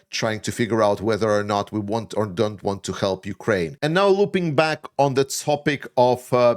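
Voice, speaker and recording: A man from Latvia, a native Latvian speaker, hosting opinionated news commentary in English, frank and sarcastic, with frequent pauses on "uh". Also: fairly low pitch. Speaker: commentary channel host.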